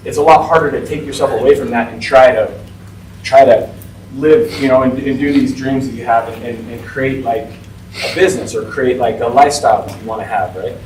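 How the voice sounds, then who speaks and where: A forty-year-old man talks casually to a class as a guest speaker, chatty and loose. His voice sits at an everyday pitch. It comes from a distance in an echoey room with faint noise behind. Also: fairly even intonation, a little fast, darkish tone. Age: 40s. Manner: chatty, informal, lots of "like" and "right?". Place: school classroom.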